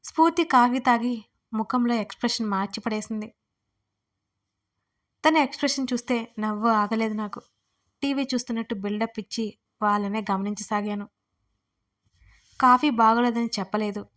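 A woman's voice: on the high side, fairly even intonation, normal speed, pauses often, a bit bright. Woman narrating a chatty comic story. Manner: chatty, comic asides to the listener. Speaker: writer and narrator. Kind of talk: first-person audio story narration.

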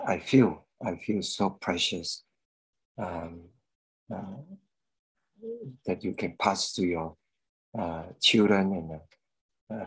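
A middle-aged man from Malaysia shares a personal testimony over a video call. His voice sits very low and he speaks slowly, pausing often with fillers. He talks from a room at home into a webcam mic. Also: husky, rough recording. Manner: slow and hesitant, many fillers. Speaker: guest speaker giving a testimony. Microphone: video call webcam with earphones.

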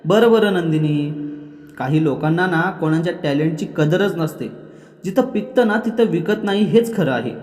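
A man's voice: fairly high pitch, expressive, moderate pace, a little mellow, echoey room, in a large hall, close to an everyday voice. A man voicing a playful young husband who teases his wife. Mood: teasing. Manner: teasing, playful.

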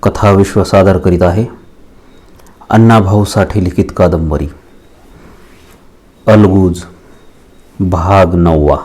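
A male storyteller reading a novel aloud in a scripted, measured way. His voice is very deep and holds an even, level line. Each sentence is delivered deliberately. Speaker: narrator.

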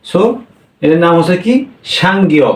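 A man with a fairly high voice teaches a beginners' language class, going over each point slowly and repeating it. He sounds a little away from the mic, in an echoey room. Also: steady tone, recorded from a distance. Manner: explains slowly, repeats points, checks with "হ্যাঁ?". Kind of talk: classroom-style lesson.

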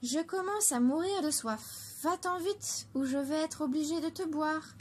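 Storybook role: a curt, bossy female anemone, put on by a woman narrator, pitched high. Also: measured pace, a little mellow, slight background noise.

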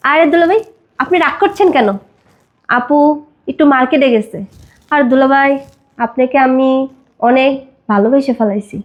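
Brief: actress as a flirty sister-in-law in a short film, high voice, coaxing and playful. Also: female voice, moderate pace, long pauses, lo-fi sound, lightly acted.

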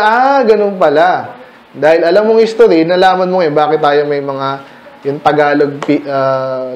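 Man, church seminar teacher, high voice, loose chatty lecture, keeps checking in with the room, echoey hall sound. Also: a little mellow. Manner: conversational, with constant rhetorical questions to the listeners; mixes English terms into casual teaching.

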